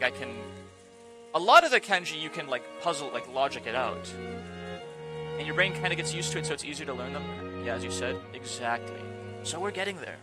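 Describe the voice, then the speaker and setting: A man's voice: fairly high pitch, rough recording. A male streamer chatting casually and rambling, his talk full of "like" and restarts. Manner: rambling, fills speech with "like". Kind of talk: casual chat on a reading stream.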